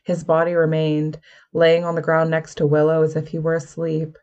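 A woman reading a novel aloud in steady scripted narration. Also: deep voice, normal speed. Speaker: audiobook narrator.

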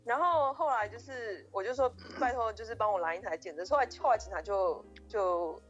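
Fast-talking young woman telling a story. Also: medium pitch, muffled recording, faint music behind. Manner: animated, breathless retelling with many restarts and quoted dialogue. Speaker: podcast co-host. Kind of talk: casual storytelling chat.

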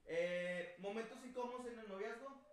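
A man's voice: high-pitched, moderate pace, far from the mic, crowd noise. A man with a Mexican accent co-hosting a casual podcast, joking around and reading listener messages aloud. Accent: Mexican Spanish. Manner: joking, slangy, laughs often. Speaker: podcast co-host. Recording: echoey room, a bit off-mic.

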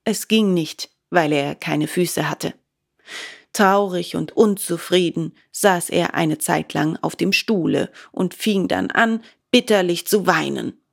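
A woman reading a children's book aloud in a calm, measured way. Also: on the low side, gravelly. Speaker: audiobook reader.

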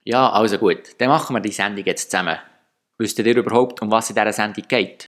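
A man's voice: on the low side, a little fast, a bit bright. A man with a Swiss German accent hosting a podcast in a conversational moderating style. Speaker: podcast host. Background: music.

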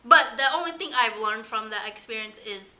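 A woman's voice: a little high, animated, moderate pace, sharp tone. A woman co-hosting a casual podcast, chatty, trailing off mid-thought and laughing often. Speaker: podcast co-host. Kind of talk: casual chat.

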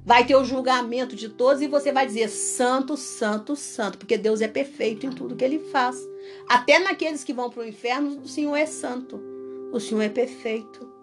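A woman with a high voice preaching in a conversation, emphatic, repetitive and full of rhetorical questions. Soft music plays faintly behind her. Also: fairly quick. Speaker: preacher leading a religious talk.

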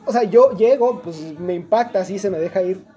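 This young man's high, warm voice moves at a brisk pace as he recounts a long personal story in a casual chat. He has a Mexican accent, uses a lot of slang, rambles, and keeps restarting his sentences.

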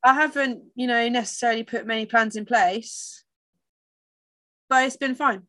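A woman's voice: fairly high pitch, normal speed, fairly bright tone. A woman in casual, confiding conversation, speaking in a candid, informal and reflective way.

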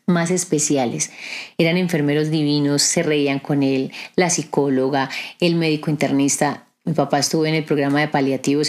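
A woman's voice: sits low, darkish tone. A woman, hosting a reflective podcast monologue and asking her listeners rhetorical questions. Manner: conversational, preachy, asks listeners rhetorical questions. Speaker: podcast host.

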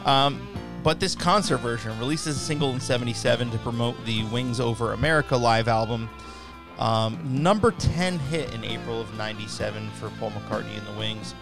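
Male podcast co-host, gravelly, easygoing banter, with music clearly audible underneath. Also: mid-range voice, normal speed. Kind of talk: casual chat. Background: recorded music.

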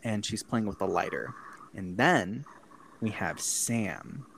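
A man's voice: lowish voice, slow, gravelly, a little hiss or hum, rough recording. A man casually recapping a horror film with a co-host, swearing often and laughing between lines. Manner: animated, profane, laughs often. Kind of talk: casual chat, recapping a movie.

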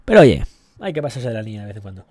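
A man's voice: lowish voice, sing-song, racing, darkish tone, dry recording. A young man with a Spain Spanish accent hosting a solo podcast, rambling and joking crudely, with plenty of profanity. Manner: rambling, loses the thread. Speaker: podcast host. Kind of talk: casual solo podcast rant.

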